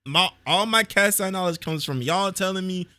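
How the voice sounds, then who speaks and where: A man's voice: high-pitched, normal speed, pushed and bright. A man hosting a reaction video, talking in loose, slangy, casual commentary and swearing freely.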